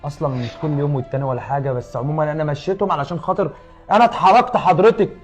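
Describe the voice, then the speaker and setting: A fed-up Egyptian husband from a web comedy sketch, exasperated and complaining, played by a man. His voice runs high for a man, and he fires off his lines fast. Soft music plays underneath. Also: breathy edge. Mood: angry. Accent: Egyptian Arabic.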